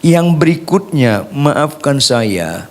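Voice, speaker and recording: Animated man preaching. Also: slow. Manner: lively, humorous preaching with wide pitch swings. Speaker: pastor. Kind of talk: sermon.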